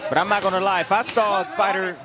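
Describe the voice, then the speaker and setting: High-voiced, colloquial male boxing analyst. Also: steady tone, fast. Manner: colloquial, blunt, repeats phrases. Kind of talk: conversational sports commentary.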